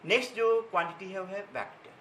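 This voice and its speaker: Bright, high-voiced male physics teacher. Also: lively intonation, fast talker, roomy sound, muffled recording, a little hiss or hum. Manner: repeats key terms and asks students questions; mixes Hindi with English terms. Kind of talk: classroom lecture.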